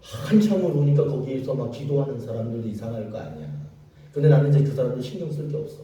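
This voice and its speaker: A man's voice: medium pitch, quick pace, muffled recording. Man preaching, echoey and distant. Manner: storytelling, animated, with laughing asides. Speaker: pastor. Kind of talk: sermon. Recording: echoey church from afar.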